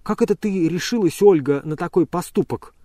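Man doing an agitated gentleman, insistent, flustered, a bit higher, dry close sound. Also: big pitch swings, normal speed, dry recording. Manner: insistent, pushy.

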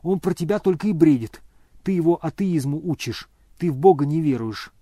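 A man's voice: a little high, expressive, normal speed, dark tone, dry recording, studio quality. A man voicing an indignant older noblewoman who scolds and exclaims. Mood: scolding.

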